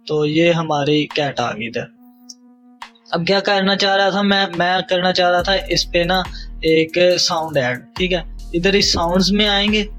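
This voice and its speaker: A young programming teacher with a Pakistani Urdu accent and a fairly high, slightly bright voice leads a screen-recorded coding lesson step by step. He explains while mixing in English coding terms and repeatedly asks "theek hai?" to check understanding. Faint music plays beneath his narration.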